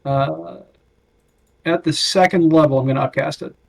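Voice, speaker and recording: A man's voice: fairly high pitch, fairly even intonation, normal speed, gravelly. A man playing a tabletop game, chatting casually and thinking aloud as he works out his moves.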